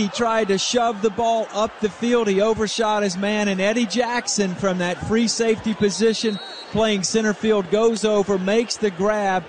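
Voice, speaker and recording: A man giving descriptive, wry live football analysis on radio from a stadium booth. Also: high-pitched. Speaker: color commentator. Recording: clear stadium noise behind broadcast.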